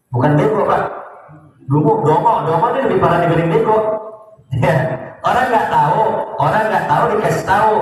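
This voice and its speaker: A man giving a lively, teasing sermon lecture in a mosque, often putting questions to the congregation. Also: a little high, slight background noise. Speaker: ustadz teaching a kitab study. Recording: echoey mosque hall from far off.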